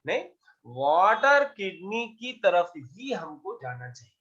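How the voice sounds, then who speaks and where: A man teaching an acupuncture class, quizzing his students with quick questions and mixing Hindi with English. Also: high voice, big pitch swings, fairly bright tone, dull audio. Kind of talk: online class lecture.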